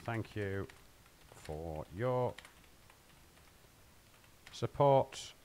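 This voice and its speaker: Man, lowish voice, chatty game streamer, rambling, joking with chat. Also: expressive, very slow, a little mellow, clean tone. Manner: rambling, joking, talks to viewers while playing. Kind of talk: casual live-stream chat.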